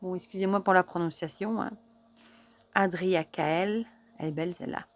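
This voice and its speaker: Woman host, low-ish voice, chatty card-deck show-and-tell, admiring, hushed asides. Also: steady tone. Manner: chatty, admiring, halting with fillers. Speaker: oracle card reviewer. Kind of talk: casual show-and-tell review.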